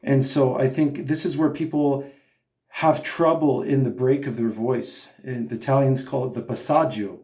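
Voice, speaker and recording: Mellow-voiced male vocal coach, echoey room. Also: medium pitch, steady tone, normal speed. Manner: patient, explanatory, with sung demonstration notes. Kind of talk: singing lesson, spoken instruction.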